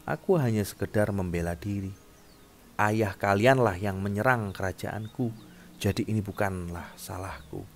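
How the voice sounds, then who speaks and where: A man's voice: fairly low pitch, moderate pace, slight background noise, natural voice. A man voicing a handsome young king who is smitten and persuasive, pleading earnestly in a storybook tale.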